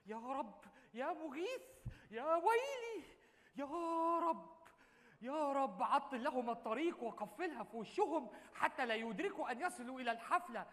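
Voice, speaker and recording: A pompous scheming suitor. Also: male voice, very high-pitched, sing-song, normal speed. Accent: Egyptian. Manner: mock-formal classical Arabic, pompous pleading. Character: scheming young male suitor plotting for the throne. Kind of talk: live stage comedy. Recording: theater stage with long reverb.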